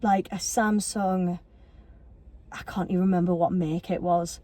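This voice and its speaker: A woman's voice: fairly low pitch, steady tone, warm tone, dry recording. A woman, co-hosting a podcast in rambling, self-interrupting casual chat. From Yorkshire, England. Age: 20s. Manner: rambling, self-interrupting, quick to laugh along. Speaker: podcast co-host.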